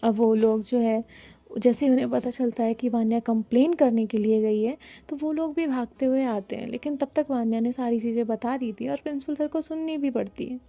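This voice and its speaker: A woman's voice: on the high side, steady tone, brisk, dark tone. Woman storyteller narrating dramatically. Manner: dramatic, drops to a whisper in tense parts.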